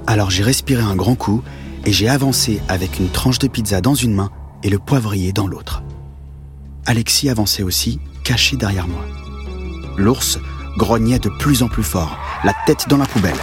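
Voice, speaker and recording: A man narrating a children's audio story in the first person with calm, expressive scripted delivery. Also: mid-range voice.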